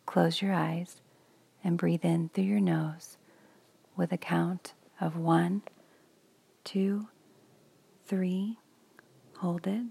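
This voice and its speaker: A woman guiding a meditation for children in a soft, breathy, whispery voice. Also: fairly low pitch, fairly even intonation. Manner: soft whispery delivery, slow and soothing. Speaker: meditation guide.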